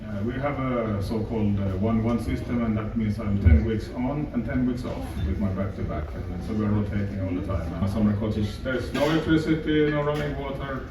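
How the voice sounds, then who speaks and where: A man's voice: on the low side, fairly quick, hardly any pauses, background noise. A man from Finland, a ship's captain being interviewed on stage, joking dryly and talking unhurriedly. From Åland Islands, Finland. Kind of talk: stage interview, casual chat. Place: ship atrium stage. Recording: echoey onboard atrium, distant mic.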